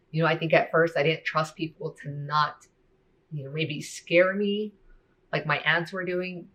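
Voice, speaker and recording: A woman sharing a personal faith testimony in a soft-spoken, reflective way, often saying "you know" and "like.". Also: sits low, rough recording.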